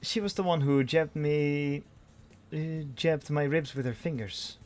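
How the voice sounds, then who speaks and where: A man's voice: on the high side, unhurried, a little mellow, soft background music. Man narrating a visual novel aloud. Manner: dry narration with restarts and sighs.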